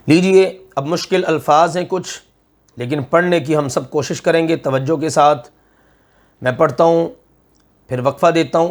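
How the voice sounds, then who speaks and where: A middle-aged man teaching Quran recitation step by step, patiently drawing out each example word. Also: on the high side.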